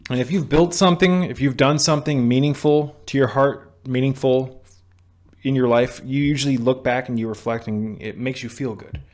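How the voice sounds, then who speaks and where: A man's voice: mid-range voice, fairly even intonation, moderate pace, a little mellow. A young man speaks into a camera mic in a mid-range voice, lecturing viewers on addiction. He is blunt and preachy, stumbling into restarts and dropping the occasional curse as he pushes his point. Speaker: vlogger on sobriety. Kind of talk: direct-to-camera self-help talk.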